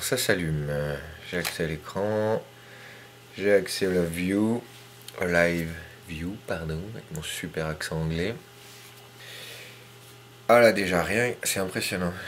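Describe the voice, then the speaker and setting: A man calmly talking through a hands-on tutorial in his home kitchen, step by step, sometimes murmuring to himself as he works. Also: deep voice, unhurried, pauses often, a little hiss or hum. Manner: calm, step-by-step, talks to himself while working, drops to murmurs. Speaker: hobbyist astrophotographer.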